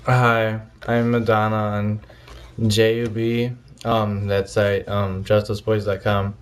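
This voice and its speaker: A man's voice: fairly low pitch, level tone, takes it slowly, clear, resonant tone. A stoned man rambling through a casual vlog rant, scattered and often losing his thread and trailing off.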